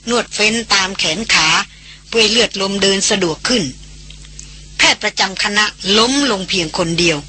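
A woman reading a novel aloud as an audiobook narrator in steady scripted narration. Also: mid-range voice, moderate pace, slight background noise.

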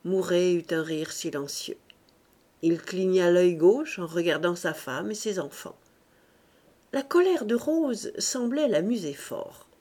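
A woman reading a classic novel aloud as an audiobook narrator, measured and unhurried, lifting her voice for the characters' lines. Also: expressive, mellow. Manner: measured, voices characters with raised pitch and volume. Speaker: audiobook reader.

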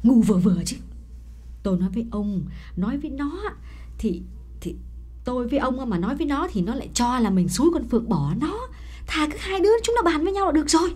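A man voicing a sharp-tongued, scolding middle-aged mother with shrill, nagging rebukes. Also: very animated, a little fast.

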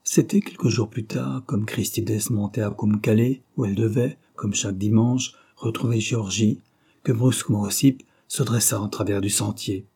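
A man reading a novel aloud as narrator, in a measured, grave storytelling manner. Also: on the low side, fairly even intonation, dark tone, breathy edge. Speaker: audiobook reader.

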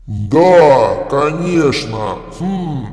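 A man voicing a deep, slow, solemn Hogfather figure in an audiobook, his lines given an added echo. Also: expressive, darkish tone. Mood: grandly. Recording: echoey hall reverb.

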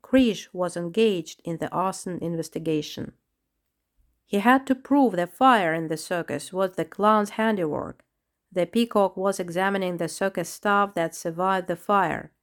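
A woman's voice: on the low side, unhurried. Woman reading a children's storybook. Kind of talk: storybook narration.

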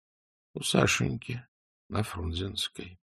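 A man voicing a frightened middle-aged male doctor under interrogation, pleading and breaking into hysterical shouts. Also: on the low side, slow pace, vocal fry, husky, dry recording, clean studio sound, full character voice. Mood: nervous.

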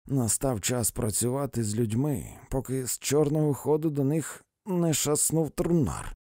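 A man's voice: medium pitch, normal speed, mellow, dry recording, studio quality, pitched above the performer's own voice, natural voice. A man voicing an earnest, persuasive old man who pleads to be heard. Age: older.

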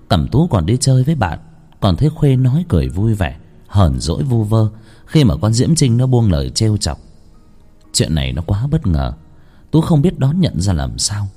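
Guy narrating a spooky ghost story, lowish voice that swings all over, slow and dramatic. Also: breathy edge. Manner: slow, dramatic, expressive reading.

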